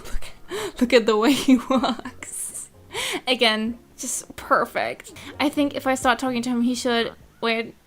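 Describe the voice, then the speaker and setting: A young woman giving bubbly, excitable gameplay commentary and giggling often. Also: high-pitched. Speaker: gaming YouTuber.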